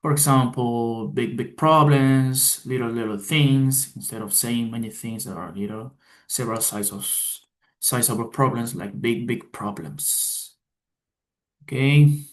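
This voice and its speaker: A man presenting a class talk, reading his slides aloud haltingly, with pauses and restarts. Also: mid-range voice. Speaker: student presenter.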